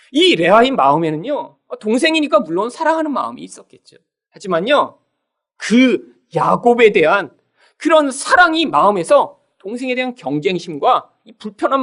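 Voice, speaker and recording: Male pastor, sermon delivery, high voice that swings widely, addresses the church directly. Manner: animated preaching, often addresses "여러분", acts out quoted voices. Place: church sanctuary.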